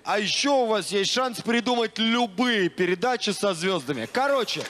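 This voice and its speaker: Quick, ironic young male TV host. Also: sits high, lively intonation, fairly bright tone. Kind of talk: TV comedy show hosting. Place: TV studio stage. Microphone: handheld mic. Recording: studio crowd behind.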